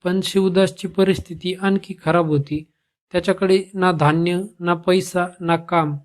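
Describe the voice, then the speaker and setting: A man tells a devotional tale in a high voice. His delivery is steady and even, with very little rise and fall. The effect is calm, scripted storytelling. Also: unhurried.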